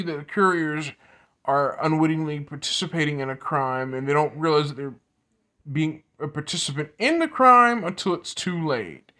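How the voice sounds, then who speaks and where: A man vlogging casual news commentary, sometimes reading aloud, in a halting, repetitive way that restates his points. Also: a little high, bright, forceful tone.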